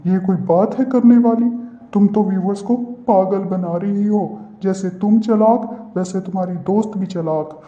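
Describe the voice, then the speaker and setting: A man's voice: sits high, moderate pace, natural voice. A man voicing a bragging young man in a cartoon who mocks and teases constantly. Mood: mocking. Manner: mocking, bragging. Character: boastful, teasing young man who calls himself handsome. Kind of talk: cartoon voice acting. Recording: roomy, dull lo-fi recording.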